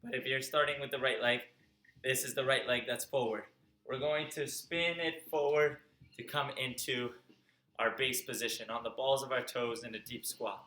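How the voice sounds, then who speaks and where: Young male instructor, careful and unhurried in explanation, forward bright tone, roomy home recording. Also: medium pitch, fairly even intonation. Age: young adult. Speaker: breakdancing instructor. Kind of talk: instructional demonstration to camera. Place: carpeted living room at home, indoors. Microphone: camera mic at a few metres' distance. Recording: echoey room, camera at a distance.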